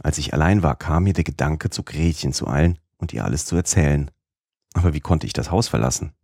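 Very deep, gravelly male narrator. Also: dark tone, no room sound, studio quality. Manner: measured, literary storytelling. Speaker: audiobook narrator. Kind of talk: scripted first-person narration of a classic novel.

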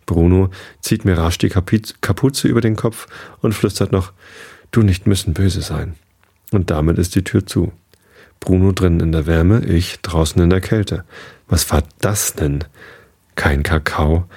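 A man's voice: deep voice, a little mellow, breathy edge. A man narrating a children's story in the first person.

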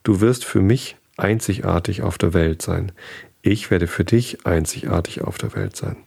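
A man reading a storybook aloud and voicing a wise, wistful fox in a gentle, thoughtful way. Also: low voice, measured pace, gravelly, husky, full character voice.

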